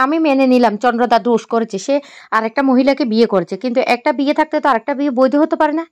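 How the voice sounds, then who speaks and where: A sharp-tongued scheming sister-in-law, as a woman storyteller puts her on, pressing her accusations fast and insistently. Her voice sits a little high and the recording is dry and close. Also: no echo, lightly acted.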